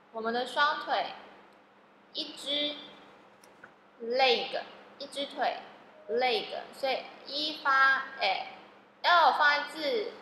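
Slow, echoey woman teaching phonics. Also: on the high side, sharp tone, a little hiss or hum. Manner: slow, drawn-out sounding of words, repeating each one. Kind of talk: classroom phonics lesson. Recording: echoey room with long reverb.

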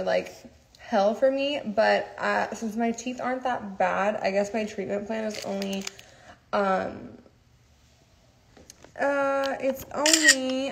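Young woman, slight lisp, chatty livestream host, a touch high, recorded close on a phone at home. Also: vocal fry. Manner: chatty, rambling, laughs often. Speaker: social media creator. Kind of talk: casual livestream chat to followers. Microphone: phone held close, livestream.

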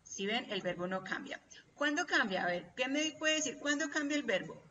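A woman's voice: sits high, animated, normal speed, sharp tone. A woman teaching a class online, patiently quizzing her students over and over. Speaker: English teacher. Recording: distant, dull lo-fi call audio with faint hum.

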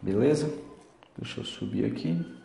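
A man's voice: medium pitch, animated, normal speed, creaky, mellow, a little hiss or hum. A man teaching English pronunciation, patiently repeating words and reciting song lyrics. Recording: echoey room.

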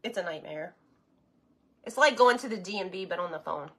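A woman with a bright, forward voice hosts a live cooking stream. She chats casually and enthusiastically between bites, sometimes with her mouth full. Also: lowish voice, animated, brisk. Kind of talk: casual live-stream chat while tasting food.

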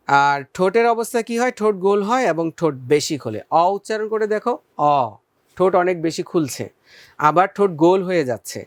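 A man teaching a recorded school lesson, patiently asking questions and then answering them, and sounding out vowels slowly for his students. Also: sits high, no echo, clean studio sound. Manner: patient, addresses students as friends, asks and answers own questions.

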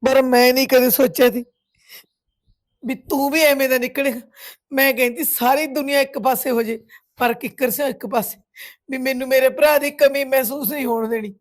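A woman's voice: high-pitched, fairly even intonation, moderate pace, lightly acted. An actress with a Punjabi accent playing a grieving village woman who bitterly reproaches a family friend. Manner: reproachful, tearful accusations. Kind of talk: village web series drama.

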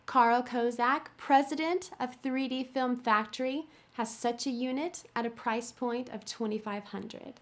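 A woman's voice: on the high side, steady tone, a little slow, few pauses. Young woman host reading a scripted segment. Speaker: show host. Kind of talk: scripted news-style narration.

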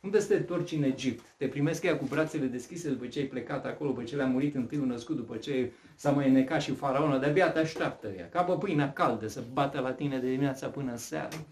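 A man preaching a sermon in a colloquial, animated way, acting out the voices he quotes. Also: medium pitch, few pauses. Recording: echoey room.

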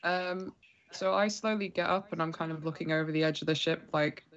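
A woman's voice: sits low, steady tone, fairly quick, fairly bright tone. A woman playing a tabletop game, chatty and hesitant with frequent giggles. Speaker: player. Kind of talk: casual tabletop role-play. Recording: dull lo-fi stream audio.

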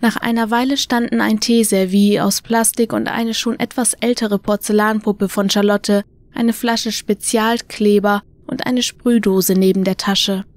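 A woman narrating a horror audiobook in a calm, even storytelling manner. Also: mid-range voice, a little slow, no echo.

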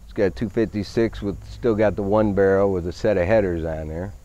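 Low easygoing middle-aged man outdoors. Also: fairly even intonation, brisk, mellow. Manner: easygoing, many fillers, technical car talk. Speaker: van owner. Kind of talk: casual interview. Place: outdoor grassy show field.

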